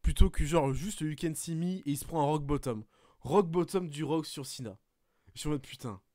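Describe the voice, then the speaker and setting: A man hosting a podcast, swearing often as he retells a wrestling match in an animated play-by-play. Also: on the high side, brisk, no echo, studio quality. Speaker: podcast host. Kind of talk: casual podcast chat, excited match recap.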